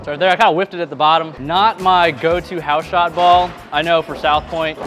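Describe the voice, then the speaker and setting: A man's voice: on the high side, steady tone, a little fast, over music. A man in his thirties, a pro bowler, explaining his equipment casually while bowling in an alley, on a lapel mic. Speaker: pro bowler and video host. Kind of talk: casual instructional vlog. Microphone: clip-on lapel mic.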